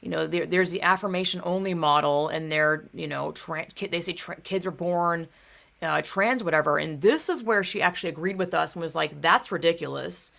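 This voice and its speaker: A woman's voice: fairly low pitch, normal speed, creaky, fairly bright tone. A young woman vlogging in a casual, heated monologue, swearing often and filling her talk with "like" and "dude.".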